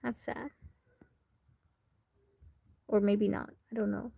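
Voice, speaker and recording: A woman's voice: medium pitch, little pitch movement, slow, creaky, dark tone, breathy edge, no echo. A woman streamer chatting casually to her viewers during a reaction stream, rambling and hesitant with lots of fillers. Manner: talks to chat directly. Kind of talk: casual livestream reaction chat.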